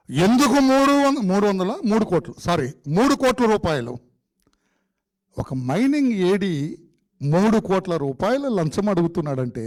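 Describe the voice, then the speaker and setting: A male opposition politician speaks out at a press conference, indignant and insistent. He keeps pressing one pointed rhetorical question after another, and his voice runs very high.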